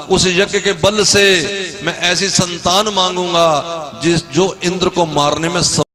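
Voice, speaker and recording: A man delivers a devotional sermon to a gathered audience, with a voice pitched somewhat high. He tells scripture stories with animated energy and keeps turning to his listeners with questions. Devotional music plays clearly behind him. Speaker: preacher telling scripture stories. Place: religious gathering before an audience.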